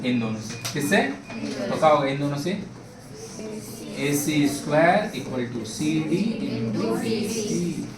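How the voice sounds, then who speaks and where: Male math teacher with a high voice, heard from across an echoey classroom with a crowd of students around him. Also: very animated, takes it slowly, long pauses. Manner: quizzes the class constantly, asking for yes or no answers. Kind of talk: classroom lesson. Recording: echoey classroom taken from far off. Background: students in the room.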